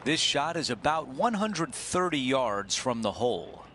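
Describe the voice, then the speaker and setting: A man's voice: mid-range voice, very animated, unhurried, pushed and bright. A man playing a composed television golf commentator, calling a tournament play by play. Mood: composed, attentive. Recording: crowd and outdoor noise behind.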